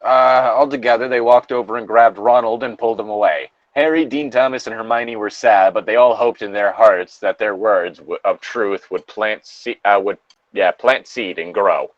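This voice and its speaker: Hosting a comedic fan-fiction reading, a man reads a story aloud and trades casual banter with his co-host, mocking the text with wry, irreverent, crude jokes. His lowish voice moves at a moderate pace, and the audio is dry and dull.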